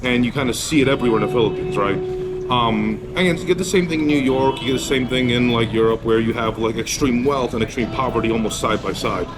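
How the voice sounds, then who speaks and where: This Polish business owner, medium-pitched and fast-talking, is interviewed on the street. His answers about travel and dating are frank and outspoken.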